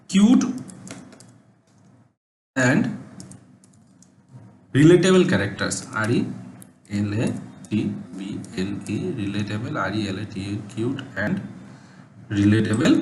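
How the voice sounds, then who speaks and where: A man gives an informal animation lesson in a slightly higher voice, keeps checking that students follow and spells English words out slowly. The room is echoey, with a faint hiss underneath. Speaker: animation teacher.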